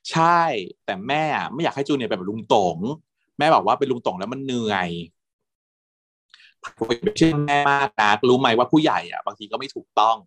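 A man chatting casually with a co-host, recapping a TV drama in an animated way, laughing often. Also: medium pitch, a little fast, breathy edge, no room sound. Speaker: podcast co-host.

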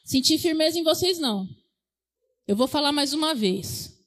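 A high-voiced woman preaches, calling out to her congregation for amens. Her words ring in the long reverb of a church hall, and she pushes up to loud declarations. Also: lively intonation, normal speed. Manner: exhorting, calls for amens, rising to loud declarations. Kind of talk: sermon.

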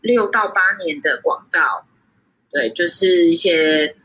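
一位三十多岁、在台湾长大的女侍酒师，通过远程连线接受访谈，说话随意，常笑，停顿和语气词很多。. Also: female voice, fairly low pitch, expressive, takes it slowly, fairly bright tone, slightly rough, low-quality recording. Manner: chatty, laughs often, many fillers. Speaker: guest sommelier. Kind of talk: casual interview over a remote call. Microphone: video call.

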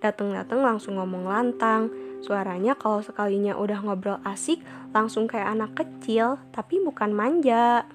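A teenage girl voicing a calm, frank teenage boy friend who gives honest, reassuring advice. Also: medium pitch, moderate pace, music in the background, close to an everyday voice.

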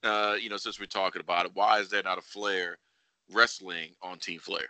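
A man's voice: deep voice, steady tone, moderate pace, pushed and bright, no room sound. A man hosting a casual sports podcast, speculating in a teasing, opinionated way. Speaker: wrestling podcast host.

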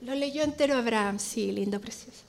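A woman's voice: on the high side, brisk, gravelly. A woman teaching a Bible study in a conversational way, often checking in with her listeners.

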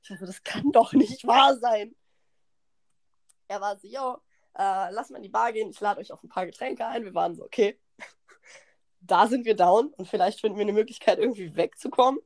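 A young woman hosting a podcast, telling a party story in slangy, animated casual chat and acting out what people said. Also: mid-range voice, fast. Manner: animated, slangy, acts out quotes, laughs often. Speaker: podcast host.

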